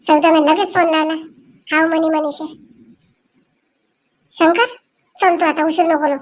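A woman acting in a comic village sketch, pleading in a high voice. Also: steady tone, a little slow.

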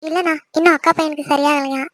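A woman's voice: high voice, steady tone, quick pace, natural voice. A woman voicing a frightened young cartoon woman. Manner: soft, anxious, pleading. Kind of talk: amateur cartoon dubbing.

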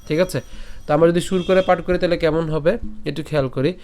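A man's voice: fairly high pitch, fairly even intonation, darkish tone, smooth. Patient man teaching scripture pronunciation. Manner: patient, repeats syllables slowly and breaks words apart. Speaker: Gita recitation teacher. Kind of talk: pronunciation lesson with slow chanted recitation.

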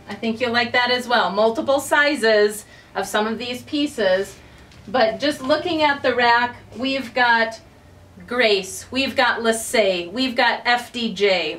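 Upbeat woman pitching a boutique sale. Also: fairly bright tone, recorded from a distance. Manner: upbeat and chatty, addresses viewers directly. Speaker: boutique owner presenting a sale. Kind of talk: casual promotional talk. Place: inside a clothing boutique.

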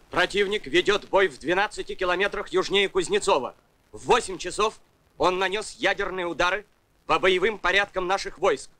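Man acting a high, sharp-voiced army commander. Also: no room sound. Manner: commanding, clipped orders. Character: stern army platoon commander giving orders to soldiers. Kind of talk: military training film acting.

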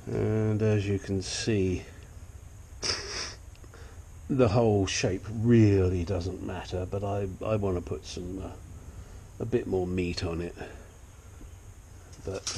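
An older man who restores engines as a hobby talks casually through his project in a messy home garage, sounding blunt, chatty, and self-deprecating, with a sniffly nose. His fairly low voice is steady, slow, and mellow, over slight background noise.

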